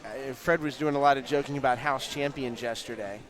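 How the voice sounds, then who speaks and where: A man does play-by-play commentary on a live tournament, his medium-pitched voice brisk and a bit bright. He's analytical, explaining in long runs packed with fillers.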